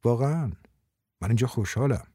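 A man voicing a calm young man in an audiobook, speaking softly and reassuringly. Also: medium pitch, breathy edge, dry recording, clean studio sound. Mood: gentle. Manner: soft, gentle, reassuring.

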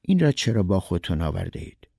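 A man's voice: sits low, very animated, vocal fry, mellow, husky, no room sound, studio quality, exaggerated voice. A man voicing a fussy, helpful male neighbor who asks solicitous questions. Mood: polite.

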